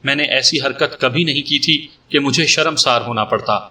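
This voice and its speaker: A man's voice: medium pitch, sharp tone, distant mic. A man reading the part of a young woman making a frank, defiant statement to a police officer, in a story reading.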